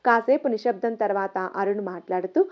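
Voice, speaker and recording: A woman narrating a first-person story in a soft, steady reading voice. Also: medium pitch, a little fast. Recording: slightly dull lo-fi audio.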